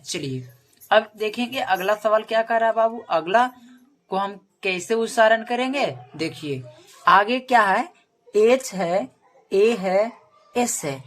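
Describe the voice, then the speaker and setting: A woman teacher works through a lesson at a very unhurried pace, at an ordinary pitch. She spells words out letter by letter and drills them with questions she answers herself. She ends almost every point with an "okay.". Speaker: English teacher. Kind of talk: spoken lesson to camera.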